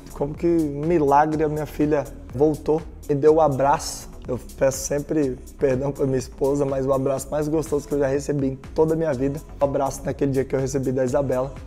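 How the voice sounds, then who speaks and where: Emphatic Brazilian man over soft music. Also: fairly high pitch. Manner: emphatic storytelling, addresses the listener directly. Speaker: motivational speaker. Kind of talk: motivational talk.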